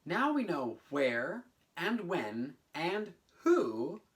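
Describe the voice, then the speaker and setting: A thirtysomething teaching artist speaks extremely slowly in a voice on the high side, leading a children's lesson of stories and instructions from his home bedroom. He's animated and theatrical, enunciating every word and leading sing-song chants.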